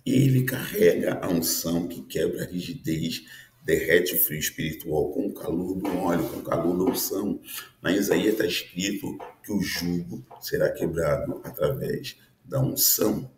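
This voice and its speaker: A man's voice: low-pitched, normal speed, a little mellow, roomy sound, slight background noise. A man in his fifties, a pastor, teaching a prophetic sermon in an earnest style, often checking in with his listeners. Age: 50s. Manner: earnest preaching with frequent tag questions.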